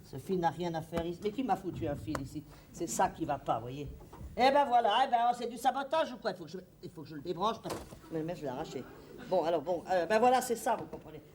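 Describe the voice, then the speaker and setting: Actress as a flustered, rambling hostess in a boulevard stage comedy, lively pitch, faint hiss behind. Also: female voice, quick pace, lightly acted. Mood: fussing. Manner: theatrical, fussy, rambling, talks to the audience. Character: flustered middle-aged hostess Françoise Lumière. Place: theatre stage.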